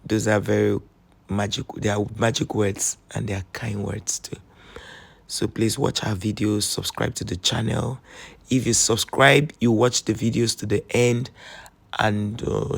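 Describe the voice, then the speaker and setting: A Nigerian man narrates his travel vlog in a voice that is hoarse and strained. His tone sits low, with a gravelly fry running through his words. He talks in an earnest, chatty way and pleads openly with his viewers. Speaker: travel vlogger.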